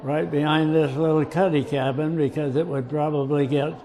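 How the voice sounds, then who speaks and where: An older man slowly telling a childhood memory, halting and clearing his throat often. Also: fairly high pitch, fairly even intonation, dark tone. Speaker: storyteller. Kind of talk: casual storytelling.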